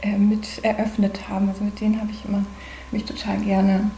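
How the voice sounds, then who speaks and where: Mellow-voiced German woman, thoughtful and hesitant. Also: medium pitch, completely flat delivery, fairly quick, a little hiss or hum. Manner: thoughtful, many hesitations and fillers. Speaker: guest. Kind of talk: conversational podcast interview.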